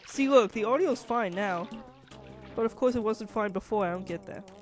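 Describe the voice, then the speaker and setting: A man's voice: sits high, normal speed, music in the background. A young man giving casual gameplay commentary as the host, swearing often and tripping over words. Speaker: let's play host.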